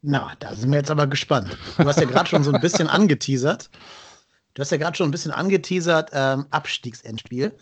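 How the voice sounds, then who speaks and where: A man's voice: a little high, a little fast, slightly rough. A man hosting a podcast in a conversational style, introducing and questioning his guest. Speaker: podcast host.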